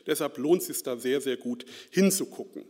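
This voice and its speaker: His voice is medium-pitched and dark, at normal speed: a lay preacher from Central Hesse giving a chatty, self-deprecating informal sermon. Fillers and "ne?" tag questions run throughout, recorded in a reverberant hall.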